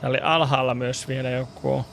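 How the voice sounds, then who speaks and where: A man's voice: medium pitch, flat delivery, quick pace, vocal fry, a bit bright. A native Finnish man giving casual let's play commentary in short, murmured reactions. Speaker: gamer doing a playthrough. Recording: faint background noise.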